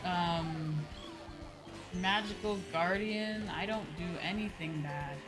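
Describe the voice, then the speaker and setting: Over video game music, a female streamer and VTuber host chats casually while gaming, making emphatic, opinionated remarks and swearing freely. Her voice is on the low side and she takes things slowly; the recording quality is low.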